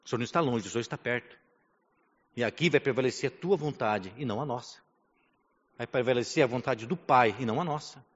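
A man preaching a sermon, emotional, moving between a soft voice and a raised one. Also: mid-range voice. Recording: dull sound with long hall reverb.

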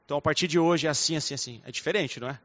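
A pastor with a high voice preaches to his congregation with fervor, dropping to a hush and then rising to loud calls. The sound is dull and lo-fi, with long reverb from the church hall around him. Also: racing. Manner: fervent preaching, swinging between soft intimacy and loud fire. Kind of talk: sermon.

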